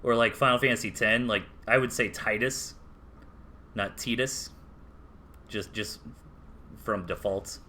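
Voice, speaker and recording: A man's voice: lowish voice, steady tone, moderate pace, sharp tone, slight background noise. A man with a Southern US accent casting a strategy game match live, chatty play-by-play with casual asides. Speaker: esports caster.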